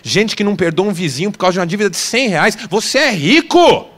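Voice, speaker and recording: A man with a Brazilian Portuguese accent preaching a sermon, swinging between loud exclamations and soft, low asides. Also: sing-song, quick pace. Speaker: pastor. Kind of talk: radio sermon.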